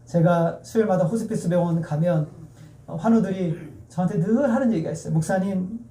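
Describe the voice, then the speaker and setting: A man's voice: sits high, fairly quick, mellow, far from the mic, slight background noise. A male pastor preaching an emphatic sermon, repeating key phrases and asking the congregation questions. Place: church sanctuary. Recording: echoey church sound heard from afar.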